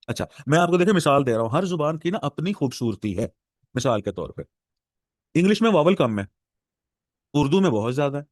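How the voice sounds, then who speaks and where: A man with a Pakistani Urdu accent lecturing a class of exam students on translation, explaining patiently and repeating words slowly to drill them. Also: on the high side, a little mellow, no room sound, clean studio sound. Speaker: English professor lecturing exam aspirants.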